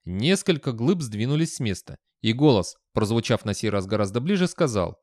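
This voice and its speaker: A man's voice: medium pitch, very animated, normal speed, a little mellow, no room sound. Male audiobook narrator, dry sound.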